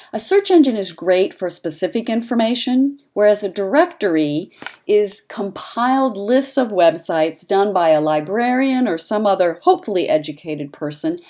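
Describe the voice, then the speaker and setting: A woman with a slightly low voice talks through an online lesson like an instructor guiding students. She speaks clearly and conversationally, and her pitch jumps up for emphasis on key points. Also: darkish tone. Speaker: journalism instructor. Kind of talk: instructional voice-over narration.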